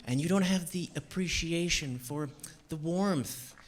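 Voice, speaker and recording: A young man from Central Europe performing a self-deprecating stand-up set on a comedy club stage, with deadpan delivery and frequent fillers. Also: a little high, measured pace, heavy background noise. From Czech Republic and Slovakia.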